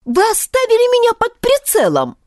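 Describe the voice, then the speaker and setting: A woman's voice: huge pitch swings, normal speed, no room sound, studio quality, heavily acted. A woman voicing a fussy, educated male sparrow who talks in nervous, preachy exclamations in a storybook reading. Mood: indignant. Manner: shrill, indignant exclamations.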